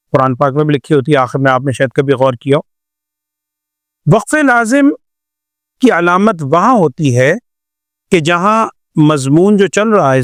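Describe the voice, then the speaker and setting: A man's voice: fairly high pitch, clean tone, no room sound, clean studio sound. An older man from Pakistan teaching Quran recitation in a patient classroom lecture, explaining with repeated examples and rhetorical questions.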